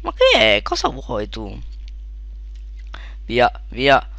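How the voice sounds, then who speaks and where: A young man giving casual let's play commentary, shouting at sudden deaths and then muttering quietly to himself, close to a desk mic. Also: extremely slow, dry recording. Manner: excitable, yelps and shouts at in-game deaths, then mutters low.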